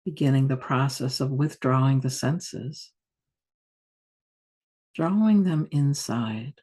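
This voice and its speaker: With a bass voice, a woman guides listeners through yoga nidra as their meditation teacher. She speaks softly and soothingly, taking her time and leaving long silences.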